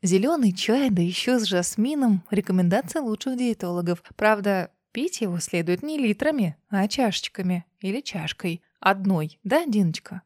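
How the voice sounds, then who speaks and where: Brief: woman doing a gentle, tired storybook hostess, soft and quiet, dry close read. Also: medium pitch, animated, moderate pace, hardly any pauses, no echo, lightly acted.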